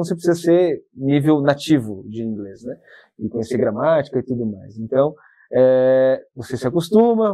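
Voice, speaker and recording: Chatty southern Brazilian man, mellow voice. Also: a little high, dry recording. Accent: southern Brazilian Portuguese. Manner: talkative, animated storytelling. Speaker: podcast guest. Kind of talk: casual interview chat.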